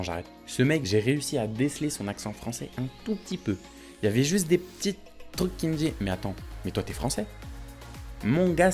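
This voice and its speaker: A man's voice: medium pitch, a little mellow. A young man from France with a French accent, talking casually and jokingly to his viewers in a vlog. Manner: joking, chatty, addresses viewers as tu. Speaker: vlogger. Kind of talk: casual direct-to-camera vlog.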